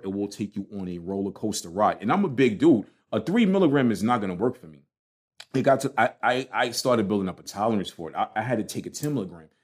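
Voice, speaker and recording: A man's voice: fairly low pitch, a little mellow, breathy edge. A man with a Brooklyn accent hosting a casual solo podcast in a slangy, emphatic, conversational way. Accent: Brooklyn, New York. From Brooklyn, New York. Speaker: podcast host.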